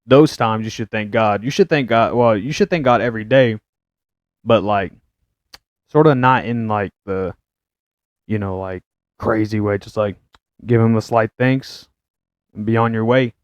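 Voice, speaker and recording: A young man co-hosting a casual podcast, rambling with lots of fillers and getting loud and excited. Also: fairly low pitch, unhurried, pauses often, no room sound. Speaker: podcast co-host. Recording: dull, muffled dry sound.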